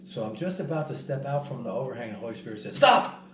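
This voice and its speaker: A man telling a casual story in an animated way, repeating himself and acting out what other people said. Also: mid-range voice, racing. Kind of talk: casual spoken travel story. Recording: roomy, distant mic, noisy background.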